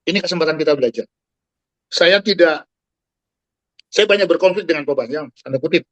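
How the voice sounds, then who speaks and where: A man in his forties giving an animated talk on a video call, speaking straight to his listeners like a preacher. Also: fairly high pitch, brisk, dry recording, poor audio. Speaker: guest speaker. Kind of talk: talk to an online audience.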